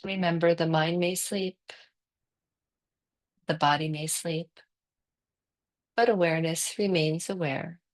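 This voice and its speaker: As a yoga nidra teacher, a woman guides a relaxation with calm, soothing instructions in short phrases, separated by long pauses. Her slightly low voice moves very slowly.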